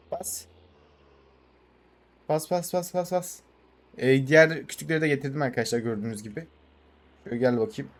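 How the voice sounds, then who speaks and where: Young turkish guy doing lets play commentary, gets worked up, yells at his tractor, engine noise behind. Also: mid-range voice. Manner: excitable, swears, talks to his tractor. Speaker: gaming channel host. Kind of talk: casual game commentary.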